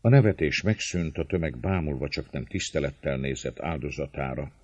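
A man narrating a historical novel in measured, expressive storytelling. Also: extremely low pitch, slightly rough, dry recording. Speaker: audiobook narrator. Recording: dull lo-fi, dry sound.

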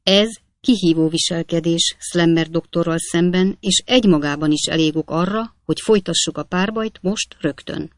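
A reader doing a pompous portly gentleman. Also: mid-range voice, few pauses, no echo, studio quality, natural voice. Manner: pompous, indignant. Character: pompous portly gentleman, self-styled expert.

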